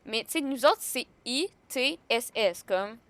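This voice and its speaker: A woman's voice: fairly high pitch, lively intonation, measured pace, a bit bright. Joking Québécois woman streaming live. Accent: Québécois French. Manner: joking, chatty, laughs often, answers chat. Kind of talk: casual live-stream chat.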